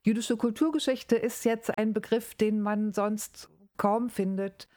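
A middle-aged woman from Berlin, a professor, explaining her field in a measured academic interview. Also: medium pitch, steady tone, dark tone, no echo, clean studio sound. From East Berlin, Germany.

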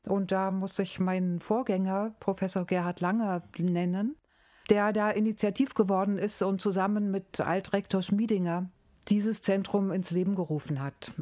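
A middle-aged woman from Berlin, a professor, explaining her field in a measured academic interview. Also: fairly low pitch, mellow, no room sound, studio quality. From East Berlin, Germany.

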